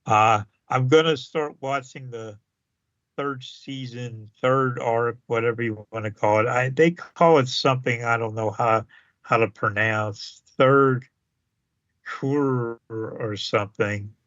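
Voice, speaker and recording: Man, podcast co-host, slow halting chat, lots of fillers, dull lo-fi sound. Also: mid-range voice, fairly bright tone, no echo. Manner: halting, many fillers and restarts, chuckles often.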